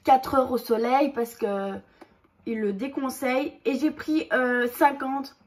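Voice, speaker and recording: A woman's voice: high voice, fairly even intonation, slow pace, darkish tone. A woman doing a casual product haul vlog, reading packaging aloud and talking hesitantly with many fillers. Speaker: haul vlogger.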